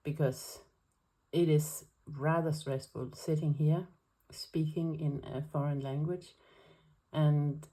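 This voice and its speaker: Her voice is deep and warm, slow, with fairly even intonation: a woman from Denmark making casual planner-vlog chat while setting up her weekly layout. She speaks English as a second language with a Danish accent, carefully and hesitantly, with frequent fillers. The recording is low quality.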